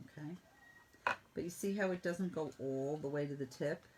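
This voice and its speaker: A woman painting instructor walking students through each brush stroke in a brisk, teasing teaching manner. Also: deep voice, noisy background. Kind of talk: step-by-step painting lesson.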